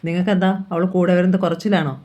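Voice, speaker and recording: A man's voice: high voice, little pitch movement, fast talker, darkish tone, close to an everyday voice. A man reading as a blunt, menacing uncle. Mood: angry. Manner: blunt, threatening. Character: hot-tempered, menacing maternal uncle, grown man.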